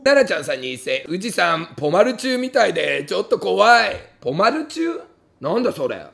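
A man comedian reading viewer comments on a livestream and firing back each one with angry comic retorts, often breaking into loud laughs. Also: sing-song, fairly quick, vocal fry. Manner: bursts into loud high laughs. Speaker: comedian streamer.

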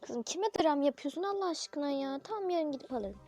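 A girl voicing a fussy, caring mother in a toy role-play, sweetly doting but quick to scold. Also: sits high, expressive, darkish tone, soft background music, voice pushed up. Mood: fond. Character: fussy caring mother, middle-aged woman.

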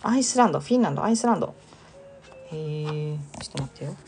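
With music in the background, a young woman talks fast in a low-pitched voice with lively intonation. Hosting a laid-back live stream, she chats, reads comments from viewers aloud, and often laughs and exclaims.

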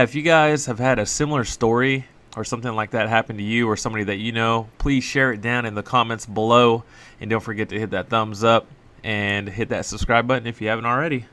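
A man's voice: on the low side, a bit bright, smooth, poor audio. Casual young man vlogging outdoors. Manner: casual, swears freely. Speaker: vlogger host. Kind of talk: casual outdoor fishing vlog. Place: outdoors by a pond and creek. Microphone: head-mounted action camera.

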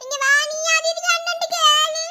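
A tiny cartoon boy whines and sulks in a shrill, piercing voice. He speaks with a Madurai Tamil accent, and his tone is sharp and bright. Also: a little fast, heavily acted. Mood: crying. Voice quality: very high-pitched, crying and whining. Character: whiny stubborn little boy. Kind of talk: cartoon voice acting.

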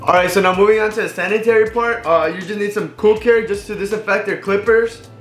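Speaking fairly quickly in a high-pitched voice, a barber in his twenties gives a casual tutorial on his tools from a living room with a TV and couch, filmed by a fixed camera. He's relaxed, restarting often and using many fillers, while soft background music plays in the reverberant space.

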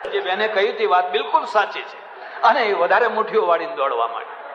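A man gives a sermon in a fairly high voice. He spins stories and acts out their people, now and then with a chuckle. The sound is muffled, with a long echo ringing through a big hall. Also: animated, fast, fairly bright tone, a faint crowd, slight background noise. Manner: storytelling, acts out characters in the story, chuckling asides. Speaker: swami giving a religious discourse.

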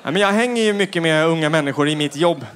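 A middle-aged man doing stand-up comedy on a theater stage, acting out other people with sudden high-pitched shouts. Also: slight background noise. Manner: animated, acts out quotes with sudden high shouts.

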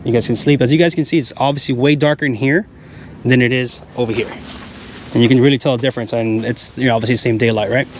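Talking quickly with fairly even intonation, a medium-pitched man in his thirties casually tours a big camping tent in a wooded campground for his vlog. He explains things as he points them out, speaking into a handheld mic, with a little hiss or hum audible.

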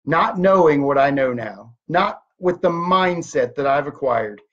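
With animated gestures and plenty of rhetorical questions, a thirty-nine-year-old network marketing leader motivates his audience emphatically via a desk webcam at home. He speaks at a measured pace in a voice a little on the high side. The sound is dull and lo-fi.

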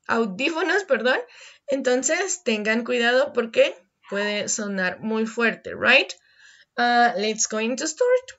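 A woman's voice: a little high, fairly bright tone, lo-fi sound. A woman teaching an English class online, switching between Spanish and English and checking in with "verdad?".

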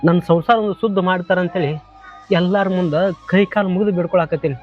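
A man's voice: high-pitched, quick pace, muffled recording, faint music behind, lightly acted. An actor playing a troubled remarried village father, pleading in North Karnataka Kannada, in a short film drama.

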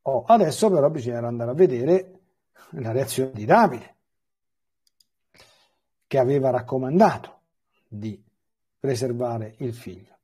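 Husky-voiced priest teaching scripture. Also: male voice, mid-range voice, mellow. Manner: reads passages aloud with explanatory asides and fillers. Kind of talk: Bible catechesis, reading and explaining scripture.

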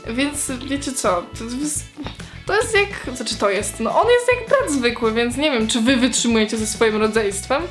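A woman's voice: a little high, animated, normal speed, soft background music. A young woman answering viewer questions in a casual vlog, chatty and hesitant, with many fillers and restarts.

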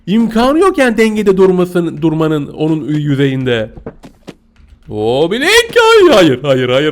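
A young man giving playful, excitable gameplay commentary, often giggling and squealing at the screen. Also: high-pitched. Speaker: gaming YouTuber.

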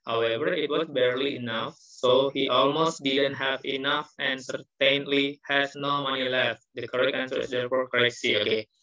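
A man's voice: medium pitch, level tone, normal speed, few pauses, pushed and bright. A man teaching an English class online, explaining patiently and mixing in English phrases, his voice carrying a heavy echo. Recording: muffled, echoey online class audio.

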